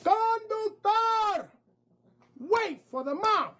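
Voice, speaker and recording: A woman's voice: mid-range voice, expressive, moderate pace, vocal fry, dark tone, husky, voice pushed up. A man playing a bold woman passenger on a bus who calls out, then speaks knowingly. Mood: shouting.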